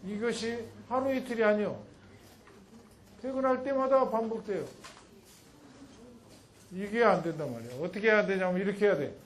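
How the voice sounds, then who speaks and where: A man giving a public lecture in an animated way, acting out a mother and child when he quotes them. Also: sits high, normal speed, pauses often, a little hiss or hum, poor audio.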